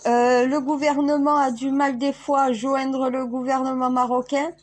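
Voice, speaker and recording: A woman's voice: high voice, flat delivery, normal speed, darkish tone. A French woman talking casually to viewers in a rambling way, with frequent laughs and restarts. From France. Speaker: self-styled spiritual vlogger.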